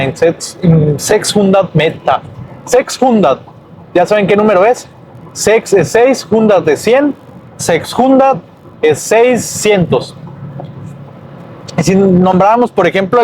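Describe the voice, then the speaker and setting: Slow, hesitant man teaching numbers. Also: high voice, darkish tone, rough recording. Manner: slow, hesitant, self-correcting. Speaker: language teacher. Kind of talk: casual video lesson. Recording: faint background noise.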